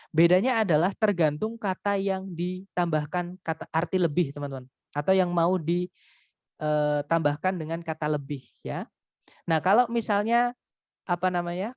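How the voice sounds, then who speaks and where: In a recorded online class, a man teaches English grammar, patiently explaining and going over his points again while often saying "teman-teman." His voice is fairly high and slightly mellow. The recording is dry and a bit dull, with no echo.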